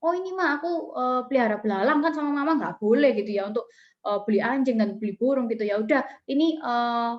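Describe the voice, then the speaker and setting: A woman's voice: a little high, quick pace, lightly acted. A woman voicing a young child who whines and pleads for a pet, over dull lo-fi call audio. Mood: explaining. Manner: whining, pleading.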